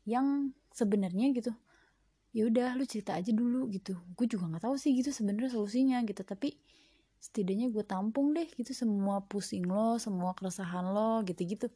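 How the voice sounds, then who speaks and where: A woman's voice: medium pitch, brisk, warm tone, breathy edge, no room sound. A young woman talking casually on her own at home, reflective and chatty with lots of fillers. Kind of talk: casual solo monologue. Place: home at night.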